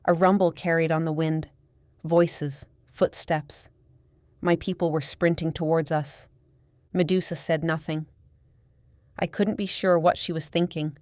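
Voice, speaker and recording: A woman reads a first-person audiobook in a steady, measured way. Her voice is low and smooth, with a clean, resonant tone. It is recorded close and dry, with no room sound. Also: no echo. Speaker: audiobook narrator.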